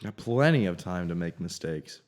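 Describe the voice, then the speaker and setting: A man's voice: low voice, moderate pace. A young man in college, co-hosting a casual podcast chat, telling stories with frequent laughs. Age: young adult. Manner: laughs often, animated storytelling. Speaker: podcast co-host.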